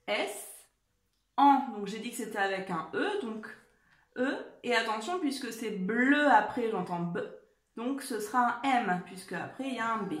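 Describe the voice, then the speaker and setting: Woman, schoolteacher, slow deliberate dictation, slightly high voice, echoey room. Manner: slow, careful spelling out of words and letters. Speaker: primary school teacher. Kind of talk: dictation lesson for young children.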